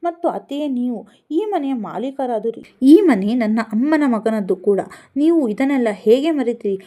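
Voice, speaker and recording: A woman's voice: sits high, big pitch swings, moderate pace, a little mellow. A woman voicing a grown daughter who is distressed and indignant, pleading and raising her voice.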